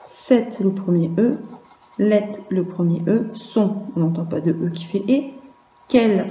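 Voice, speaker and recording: A patient schoolteacher with a French accent, her mellow voice slow and careful as she explains sounds to young children. She draws out each sound and asks questions aloud, recorded in an echoey room. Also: mid-range voice. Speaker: primary school teacher. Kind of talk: recorded virtual class lesson for young children.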